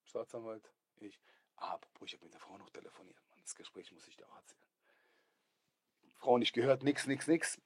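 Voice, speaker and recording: Man, young adult, podcast guest storytelling, street slang, drops to whispers then gets loud, dry close sound. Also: medium pitch, brisk, slightly rough, no room sound. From Serbia. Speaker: guest telling his life story. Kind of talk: animated storytelling in a podcast interview.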